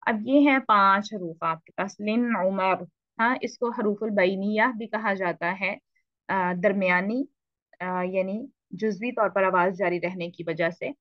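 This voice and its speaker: A woman teaching a recitation lesson with a Pakistani Urdu accent, patiently repeating and slowly demonstrating letter sounds. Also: mid-range voice, dry recording, lo-fi sound. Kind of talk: online lesson explaining tajweed.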